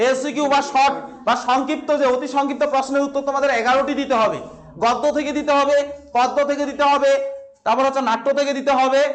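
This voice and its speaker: A man's voice: very high-pitched, fairly bright tone. A man with a West Bengal Bengali accent teaching an exam-prep class in a filmed classroom. He quizzes his students, repeats each answer and adds playful asides.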